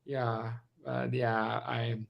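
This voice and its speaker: A man's voice: medium pitch, level tone, very slow, gravelly, muffled recording. A man with a Brazilian accent hosting a casual interview, talking loosely, jumping between thoughts and laughing often. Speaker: host.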